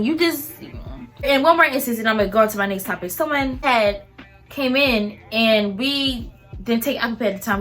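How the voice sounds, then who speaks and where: Young woman, higher voice, animated rant, faint music behind. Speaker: vlogger and fast food worker. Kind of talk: casual storytime rant.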